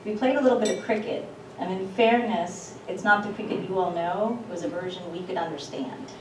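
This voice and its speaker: A woman's voice: medium pitch, brisk. Woman speaking at a memorial, far off in an echoing hall. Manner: personal, gently humorous. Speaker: eulogy speaker, daughter of the deceased. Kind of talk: memorial speech. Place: event hall. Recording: echoey hall from far off, noisy.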